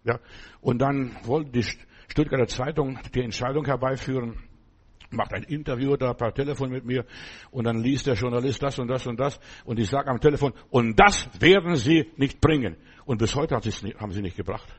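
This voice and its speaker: A male pastor preaching a sermon, animated, swinging between loud bursts and low asides. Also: brisk, husky.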